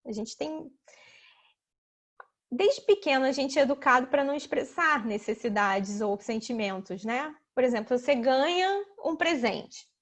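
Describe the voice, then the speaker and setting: A woman presents a talk over a video call, her voice sitting high. She explains ideas step by step, checks in often with her listeners and slips into lively voices for examples. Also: unhurried. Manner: explanatory, sprinkles "né?", acts out children and mothers in high voices. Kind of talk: casual online talk with slides.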